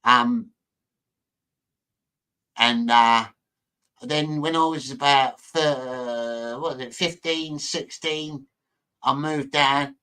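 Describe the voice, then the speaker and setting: A man from Manchester who later lived in London hosts a livestream, reading and answering live comments in a casual, blunt, slangy chat. His northern English accent carries some London in it, and he repeats his phrases. His medium-pitched voice is sharp and clean, extremely slow, with long pauses.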